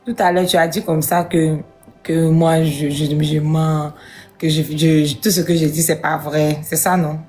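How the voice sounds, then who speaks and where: A woman with a West African French accent argues with firm insistence in a comedy sketch. Her voice is notably low for a woman, and faint music plays behind her. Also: level tone, unhurried, a little mellow. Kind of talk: comic argument sketch.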